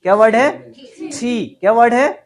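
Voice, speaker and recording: A young Pakistani man with a Pakistani accent, teaching an English class and drilling students in loud call-and-response. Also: high voice, moderate pace. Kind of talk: classroom lecture.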